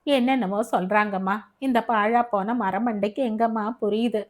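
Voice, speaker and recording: A woman's voice: mid-range voice, fairly even intonation, normal speed, close to an everyday voice. A woman voicing a frank, plain-spoken working-class wife who chats bluntly about her husband in a hospital ward, in an audio novel. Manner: frank, rough, chatty.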